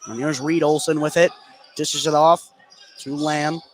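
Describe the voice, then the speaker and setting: A man's live radio play-by-play of a high school basketball game runs a little slow, yet it stays energetic and lifts along with the action.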